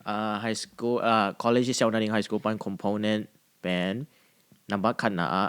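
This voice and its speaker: A man's voice: lowish voice, steady tone, takes it slowly, a bit bright, clear, resonant tone. A man hosting a podcast interview in casual chat, mixing English phrases in as he gives advice. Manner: mixes English into talk, gives advice eagerly. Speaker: podcast host.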